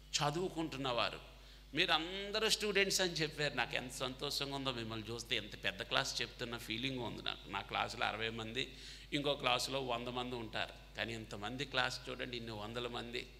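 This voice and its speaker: Male preacher, sermon to students, very bright sharp tone, long hall echo, draws call-and-response from the crowd. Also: medium pitch, normal speed, creaky, a little hiss or hum. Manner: asks rhetorical questions and has the crowd answer aloud; mixes English words and phrases into his talk. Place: large hall with hundreds of listeners.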